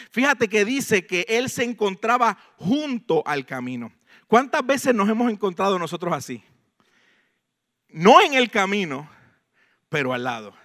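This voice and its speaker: A man with a Puerto Rican accent preaching a sermon, swinging between loud proclamation and hushed emphasis. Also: high-pitched. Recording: long hall reverb.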